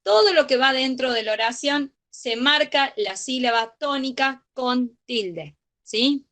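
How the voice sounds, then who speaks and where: Speaking at a measured pace, this young Rioplatense-accented woman runs an online grammar study group with patience, frequently making sure the material is understood. Her voice sits high, a bit bright, with lively intonation.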